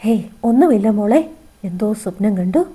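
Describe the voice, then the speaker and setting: A woman's voice: mid-range voice, animated, moderate pace, warm tone, breathy edge. A woman reading the part of a worried grown man and father, speaking anxiously and pleadingly.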